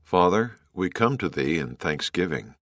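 A woman voicing a shaken, gentle father in a storybook reading. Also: very deep voice, very animated, measured pace, dry recording, studio quality, pitched below the performer's own voice, heavily acted. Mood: reverent. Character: shaken father, adult man.

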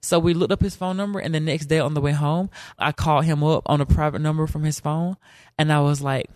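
A man's voice: fairly high pitch, steady tone, fairly quick, a little mellow, no room sound, clean studio sound. A young man from South Carolina, telling a personal story in a casual, joking way and acting out quotes. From South Carolina, USA. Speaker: storyteller guest.

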